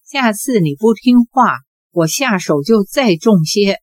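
A woman's voice: medium pitch, lively intonation, measured pace, husky, dry recording. A woman voicing a cold, aloof, sheltered young woman of eighteen in an audiobook, with a cool, curt, dismissive manner. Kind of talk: audiobook character voice.

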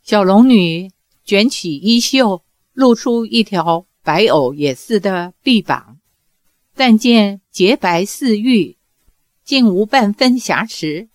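A woman reading a novel aloud as an audiobook narrator, with measured, expressive storytelling. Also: mid-range voice, no echo.

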